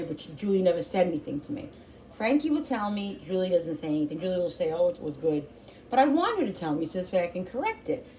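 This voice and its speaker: A middle-aged woman talks loosely while she cooks in her home kitchen, trailing off and starting sentences over. Her voice sits a little on the low side. A faint hum of the room sits under her. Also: a little mellow. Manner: rambling, chatty, with many restarts. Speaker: cooking channel host. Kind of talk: casual chat while cooking.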